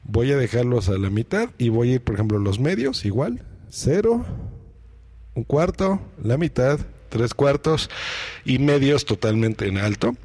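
A man's voice: mid-range voice, animated, measured pace, a little mellow. A man, a podcast host explaining step by step in a how-to tutorial as he demonstrates equipment, speaking into a microphone run through a mixing desk in a home podcast studio.

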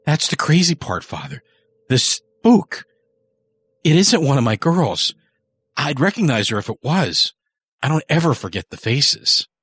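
A man's voice: mid-range voice, a bit bright, husky. A man voicing a ruthless, wealthy male killer who rambles through a paranoid confession.

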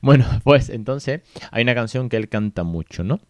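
A man's voice: medium pitch, expressive, moderate pace, no room sound. A man with a Spain Spanish accent, hosting a casual podcast monologue as a father, chatty and colloquial, with asides to his listeners.

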